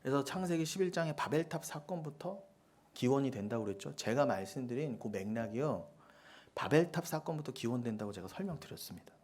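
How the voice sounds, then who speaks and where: A man preaching a sermon as pastor, with forceful rhetorical questions and sudden hushed asides. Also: medium pitch, expressive, a little fast.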